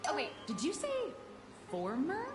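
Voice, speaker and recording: A woman voicing a wry, expressive young woman who is a comic artist, in game audio with music behind. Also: sits high, moderate pace, roomy sound.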